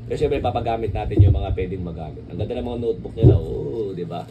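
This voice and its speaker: With a Filipino accent and a voice on the low side, this vlogger talks fast and sounds like he is on a phone-quality line. He chats casually through an unboxing, rambling and using repeated tag questions to check for agreement. The recording is clearly noisy, captured by a distant microphone.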